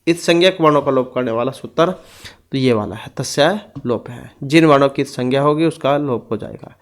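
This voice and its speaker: A man's voice: mid-range voice, normal speed. Man teaching a grammar lesson. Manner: explanatory, reads out rules and lists them one by one. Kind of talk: exam-prep grammar lesson.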